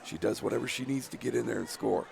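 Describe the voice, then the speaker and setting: A man calling play-by-play for a high school girls' basketball game, reading out scores and times left. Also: quick pace, gravelly. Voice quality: scratchy voice. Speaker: play-by-play announcer.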